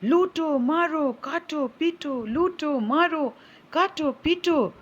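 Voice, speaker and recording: A woman voicing a green parrot who shouts loud repeated orders at passersby, in a storybook reading. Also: sits high, extremely slow, dull audio, pitched above the performer's own voice. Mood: shrill.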